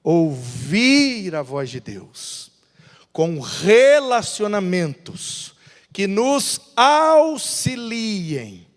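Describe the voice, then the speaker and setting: Pastor guy preaching, high voice, big reverb from the hall. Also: drawn-out words. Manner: lively preaching, acts out biblical dialogues in voices. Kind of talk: sermon.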